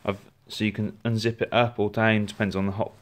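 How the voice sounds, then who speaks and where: Talking briskly in a lowish register, a man walks viewers through his outdoor gear, shot on a phone held in hand inside his home. As a gear reviewer, he's casual and talkative, frequently starting his sentences over.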